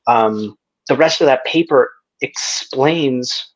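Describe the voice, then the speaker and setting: A man's voice: mid-range voice, slow pace. Hesitant man on a dull lo-fi call. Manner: hesitant, many restarts and fillers. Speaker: debate guest. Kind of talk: casual debate chat.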